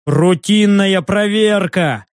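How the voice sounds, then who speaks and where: A man's voice: high-pitched, takes it slowly, dry recording, studio quality. A man voicing a proud, blustering male patrol leader who argues indignantly in an audiobook.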